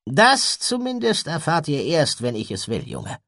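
A man's voice: medium pitch, very animated, slow pace, slightly rough, no echo, studio quality, voice pushed up, heavily acted. A man reading an audiobook, voicing a stern, secretive uncle who commands in a raised voice.

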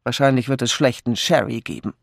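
A reader voicing a gruff, blunt countrywoman with a curt, dry manner, in an audiobook. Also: mid-range voice, fairly quick, no room sound, close to an everyday voice. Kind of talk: audiobook character voice.

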